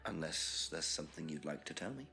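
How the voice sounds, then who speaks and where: An actor playing a calm police detective who questions suspects in measured, pointed sentences, in a live-action video game. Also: male voice, a bass voice, full character voice. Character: probing calm male police detective, middle-aged.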